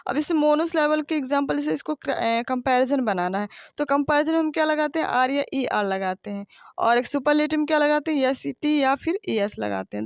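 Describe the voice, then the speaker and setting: A woman's voice: high voice, no echo, studio quality. A woman teaching a grammar lesson, explaining patiently with rhetorical questions and frequent checks that the class understands.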